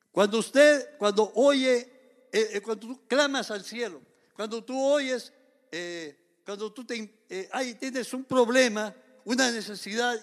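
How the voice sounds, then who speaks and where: A man's voice: sits high, fairly bright tone. A man preaching a fervent sermon in a church, repeatedly calling his listeners "brother". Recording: long hall reverb.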